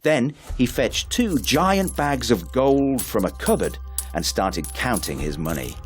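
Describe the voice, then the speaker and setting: A man narrating a fairy tale in an expressive, unhurried storybook reading. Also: medium pitch, faint music behind.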